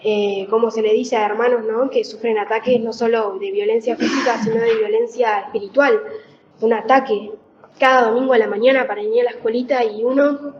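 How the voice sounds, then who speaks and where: A woman preaching a Bible reflection in a conversational way, pausing often with fillers. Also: fairly high pitch, fairly even intonation, dull audio. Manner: conversational, with many fillers and pauses. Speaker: church speaker.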